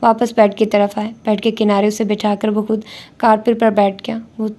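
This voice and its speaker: A woman narrating a romance novel in a steady reading voice. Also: medium pitch. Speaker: audiobook narrator.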